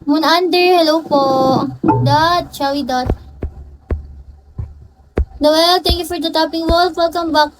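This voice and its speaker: High-voiced young woman live streamer. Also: fairly even intonation, slow pace, pauses often, over music, poor audio. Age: young adult. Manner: playful, teasing, greets viewers by name. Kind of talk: casual live stream chat greeting viewers.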